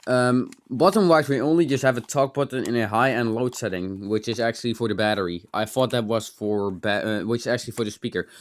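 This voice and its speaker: The host of a tech teardown channel gives a casual, unscripted hands-on gadget demo, rambling, thinking aloud, and swearing mildly now and then. His mid-range voice moves briskly with hardly any pauses.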